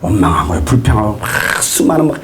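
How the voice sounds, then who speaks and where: A man's voice: fairly low pitch, very animated, fast, background noise. A man preaching a sermon to a congregation, asking them question after question. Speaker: pastor.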